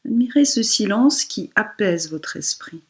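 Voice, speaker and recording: A female yoga instructor leads a relaxation meditation, her soft, breathy voice giving soothing, unhurried instructions with pauses. Her pitch is medium and her intonation lively.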